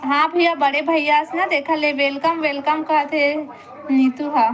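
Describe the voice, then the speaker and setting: A woman's voice: high voice, fairly even intonation, unhurried. A woman with a Chhattisgarhi accent hosting a casual live stream, greeting viewers by name and urging them to stay and comment.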